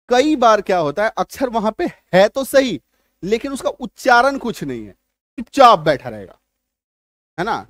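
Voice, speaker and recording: A man's voice: sits high, dry recording, studio quality. A middle-aged man teaching English spelling rules in a classroom style, explaining through homely comparisons and often checking that students follow.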